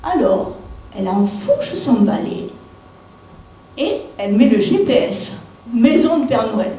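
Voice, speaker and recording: A woman storyteller reading a Christmas tale aloud in an expressive, homely way. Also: medium pitch, distant mic, slight background noise. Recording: echoey room.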